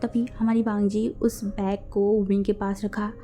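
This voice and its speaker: A woman's voice: medium pitch, little pitch movement, unhurried. Whispery Indian woman telling a romance. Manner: casual, mixes English words into Hindi; drops into whispers for intimate scenes. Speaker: fan fiction narrator. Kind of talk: storytelling narration with acted dialogue. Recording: soft background music.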